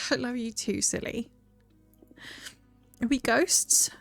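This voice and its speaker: A woman's voice: on the high side, steady tone, slow, creaky, soft background music, pitched above the performer's own voice. A woman voicing a playful woman in a video game, reading the lines lightly. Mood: bewildered.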